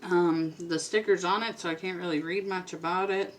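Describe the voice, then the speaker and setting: A woman's voice: fairly low pitch, fairly even intonation, normal speed, a little hiss or hum. A woman vlogger chatting casually and rambling a little as she does her makeup at home. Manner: chatty, rambling, quiet at times. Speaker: beauty vlogger. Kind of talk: casual chat while doing makeup.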